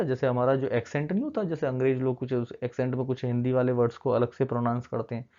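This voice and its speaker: A man teaches a class of children in a patient, coaxing way, keeping up a string of check-ins to be sure they follow. His voice is mellow and dark, sitting at an ordinary middle pitch. The recording sounds dull and lo-fi. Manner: mixes in English terms while explaining. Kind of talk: classroom lecture explaining a map.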